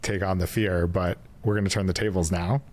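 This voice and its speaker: A man hosting a podcast interview, measured and affirming as he sums up his guest's points. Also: low voice, fairly even intonation, a little mellow. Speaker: podcast host. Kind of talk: reflective interview talk.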